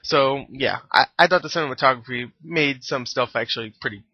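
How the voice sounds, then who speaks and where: A man's voice: medium pitch, a little fast, no room sound. A man giving a casual, rambling movie review, chuckling and restarting his sentences as he goes. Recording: dull lo-fi dry recording.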